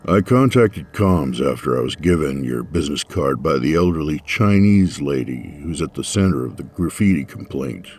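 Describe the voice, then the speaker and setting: A man voicing a tall, impassive police officer in an audiobook, speaking flatly. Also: a bass voice, normal speed, few pauses, slightly rough, exaggerated voice. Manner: flat, impassive. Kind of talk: audiobook character voice.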